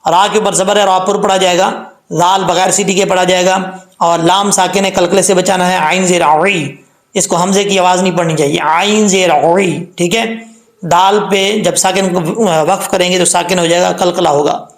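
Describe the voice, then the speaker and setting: A man teaching the rules of Quran recitation, explaining letter sounds and then chanting the verses slowly and drawn out. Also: high voice, little pitch movement, echoey room. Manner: says "ok" and "theek hai" between points. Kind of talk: tajweed lesson with slow chanted recitation.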